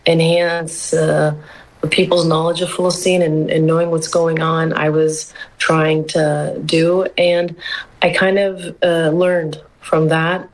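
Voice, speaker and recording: A woman answers interview questions in a slow, deep and level voice. She hesitates constantly, filling gaps with soft fillers, and speaks as an activist guest. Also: low-quality recording. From United States.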